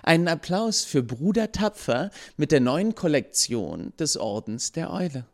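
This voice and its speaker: A man voicing an enthusiastic businesswoman in a secret order, delivering a sales pitch. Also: sing-song, unhurried, darkish tone. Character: eager businesswoman cult member.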